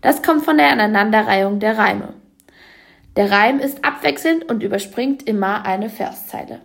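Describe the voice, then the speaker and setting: A woman with a mid-pitched, creaky voice reads a scripted school lesson. She quotes verses with emphasis. Her tone stays instructive. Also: normal speed. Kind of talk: scripted educational narration.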